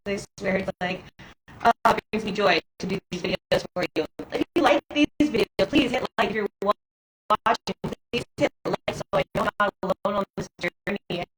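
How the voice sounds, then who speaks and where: A woman's voice: mid-range voice, a bit bright, a little hiss or hum. A woman in her forties hosting a casual video, reading a daily meditation aloud and chatting about her own experience with laughs and fillers. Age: 40s. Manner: chatty and self-disclosing, with laughs and frequent fillers. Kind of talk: casual reading with personal reflection. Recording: echoey room.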